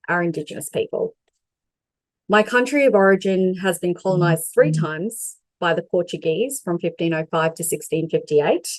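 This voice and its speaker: Over a video call, a young mental health advocate from Sri Lanka steadily reads out a prepared presentation. Her voice sits low with a darkish tone, and the recording is dry and of low quality.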